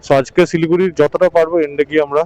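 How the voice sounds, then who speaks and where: High-voiced man vlogging from his motorbike. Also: fairly even intonation, rapid-fire, a little mellow, dull audio. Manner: chatty, repeats short instructions to his pillion. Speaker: motovlogger. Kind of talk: casual vlog narration while riding. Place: outdoors on a motorbike on the highway.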